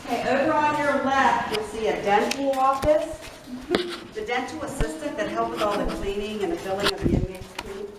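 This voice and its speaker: Telling stories to her tour group, this Appalachian woman projects loudly in a medium-pitched voice. She's in the big empty rooms of an old prison at night, and the audio comes across echoey, noisy, and far off.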